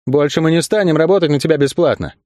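A man voicing a calm, firm young acrobat who argues steadily. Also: on the high side, quick pace, no room sound, clean studio sound, close to an everyday voice. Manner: steady and persuasive.

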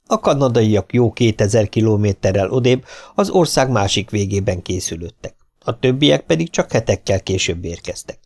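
Low-voiced man reading a wry memoir. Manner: wry, humorous storytelling with lively voiced quotes. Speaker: audiobook narrator. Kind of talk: first-person memoir reading.

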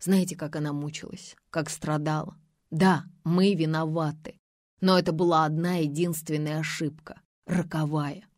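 A cornered young deserter pleads his case, agitated and defensive, as a woman reader puts him on. The voice sits low and sounds dry and close, like a storybook audiobook. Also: steady tone, normal speed, a little mellow, no room sound, close to an everyday voice. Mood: pleading.

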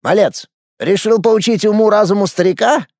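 A man putting on a gravelly grumpy old grandfather. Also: high-pitched, normal speed, darkish tone, dry recording, studio quality, voice pushed up. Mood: scolding. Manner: mocking, scolding, drawling folksy speech. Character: grumpy sharp-tongued old grandfather mage.

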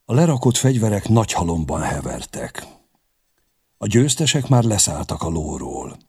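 A man's voice: lowish voice, big pitch swings, warm tone, husky. A man narrating a historical novel as an audiobook, in a dramatic storytelling manner.

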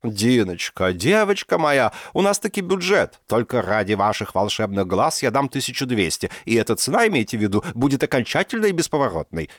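A man voicing an excitable, theatrical professor in his sixties who rolls his R softly, in an audiobook. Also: mid-range voice, brisk, hardly any pauses, dry recording, clean studio sound, voice pushed up. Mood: theatrical haggling. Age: 60s. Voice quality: soft burred R. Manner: theatrical, exclamatory. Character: excitable old male professor, theatrical and haggling. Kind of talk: audiobook character voice.

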